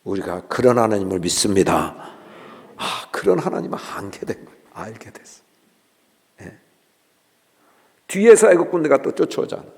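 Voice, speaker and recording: A senior pastor preaching a sermon in a church, telling the story in a lively way and acting out the people in it, often calling to the congregation for a response. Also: male voice, lowish voice, moderate pace, vocal fry, pauses often. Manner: animated storytelling, acting out voices of biblical figures. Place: church sanctuary. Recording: long reverb of a church hall.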